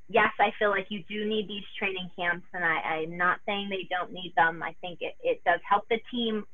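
A woman in her thirties speaks over a thin, phone-like line. Her speech halts and restarts often, and she sounds on the edge of tears. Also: mid-range voice. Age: 30s. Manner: halting, many restarts and fillers. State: tearful. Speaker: interview guest, former gymnast. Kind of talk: emotional personal interview.

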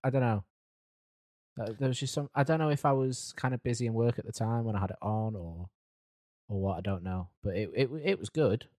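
A man's voice: on the low side, a little fast, warm tone, dry recording. A man co-hosting a music podcast, hesitant and rambling, with dry quips. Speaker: podcast co-host reviewing music. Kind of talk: casual chat.

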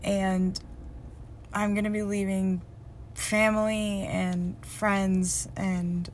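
A woman's voice: mid-range voice, level tone, extremely slow, slight background noise. A young woman vlogging in a candid diary style, reflective and emotional, rambling with many fillers and self-corrections. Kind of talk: personal diary vlog.

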